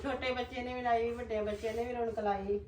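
A woman with a Punjabi accent chatting with family, lively and often laughing. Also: on the high side, a little fast, a loud crowd. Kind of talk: casual family chat.

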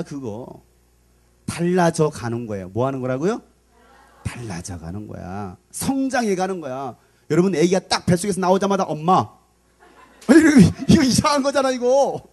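A middle-aged man preaching a lively youth sermon, acting out scenes with shouted put-on voices. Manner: animated, acts out scolding mothers in shrill voices. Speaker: pastor. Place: church hall.

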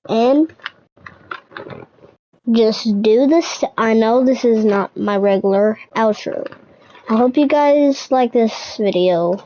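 A woman's voice: fairly high pitch, warm tone, low-quality recording. A young woman talking viewers through a game tutorial in a casual, chatty way, now and then grumbling in frustration. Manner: chatty, easily frustrated, talks to viewers directly. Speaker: gaming tutorial creator. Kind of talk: casual gameplay commentary.

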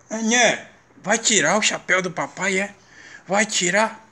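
A young Brazilian father in clown makeup, talking playfully to viewers and coaxing his small son, laughing often and jumping into high sing-song calls. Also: slow, sharp tone. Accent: Brazilian Portuguese. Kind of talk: casual home video talking to viewers. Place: at home with a small child.

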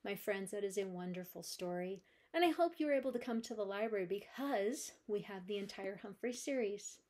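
A woman librarian reading a children's chapter book aloud with gentle, steady storytelling. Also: medium pitch, fairly quick.

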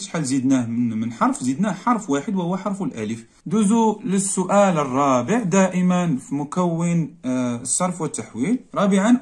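A man with a Moroccan accent, teaching a grammar lesson and working through exercises step by step, often repeating single words slowly to stress them. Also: a little high, a little mellow. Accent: Moroccan Arabic. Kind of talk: classroom lesson walkthrough.

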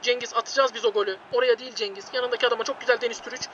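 A man giving excited, shouty commentary over his own football video game play, repeating players' names and groaning at mistakes, his voice going hoarse. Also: extremely high pitch, rapid-fire, dull audio, slight background noise. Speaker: gaming YouTuber. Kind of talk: live gameplay commentary.

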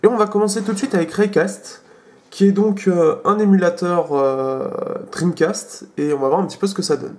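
A hesitant young Frenchman hosts a tech video, giving a casual screen demo. His voice is high-pitched and moderately paced, and he uses many fillers and restarts.

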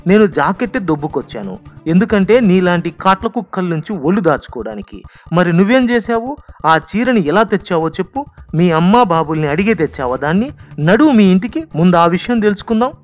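A man's voice: fairly high pitch, expressive, normal speed, faint music behind, natural voice. A man voicing a poor, defiant village seamstress woman who scolds in a raised voice. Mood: furious.

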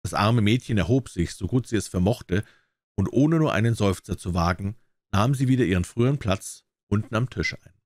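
A man reading a classic tale aloud as an audiobook narrator, with expressive storytelling. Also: on the low side, a little fast, dry recording, clean studio sound. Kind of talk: scripted narration.

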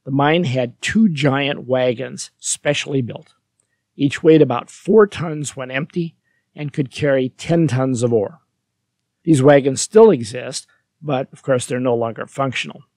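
A man narrating a scripted history lesson, steady and explanatory, with lighthearted dry asides to the viewer. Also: mid-range voice, a little slow, dry recording.

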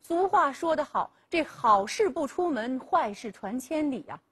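A woman hosting a legal program, telling a village story dramatically and acting out the characters' dialogue. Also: high voice. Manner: lively storytelling, acting out dialogue with drawn-out 啊 pauses.

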